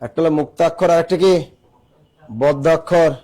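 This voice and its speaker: A man's voice: fairly high pitch, steady tone, brisk, dark tone. A male teacher giving a classroom lecture, repeating key phrases and quizzing his students. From Bangladesh.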